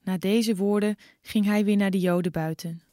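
A woman narrating a dramatized scripture reading in a measured, clear way. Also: mid-range voice, fairly even intonation, warm tone, no echo, studio quality. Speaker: scripture reader.

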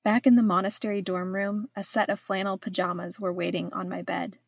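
A woman's voice: medium pitch, little pitch movement, fairly quick, husky, no room sound, studio quality. A woman reading her own travel memoir aloud in scripted first-person narration, reflective with a wry edge.

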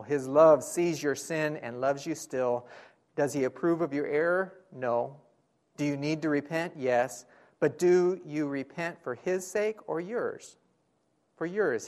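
A male pastor delivers a sermon in a fairly high voice. He builds his points with rhetorical questions and repeated phrases, pushing hard on some lines and dropping almost to a hush on others. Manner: dramatic swings between loud and hushed.

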